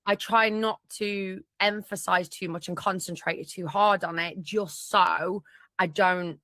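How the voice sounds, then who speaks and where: A middle-aged woman hosts a podcast in an easy, chatty way and tells stories with animation. Her voice comes through bright and forward. It sits close to the mic in a dry room with no echo. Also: medium pitch, fairly even intonation, a little slow. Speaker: podcast host. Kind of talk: casual chat.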